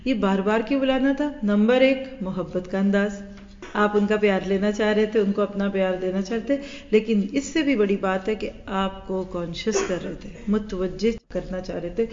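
A religious teacher with a medium-pitched, darkish voice gives a hadith class lecture, acting out little scenes of everyday talk and mixing in English words. Her voice rings with a long echo through a large hall, and the sound is dull and lo-fi.

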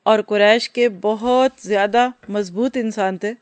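A woman's voice: medium pitch, steady tone, a little mellow, dry recording. A woman teaching a religious lecture, telling stories and asking her listeners questions. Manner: storytelling, addresses listeners directly with questions.

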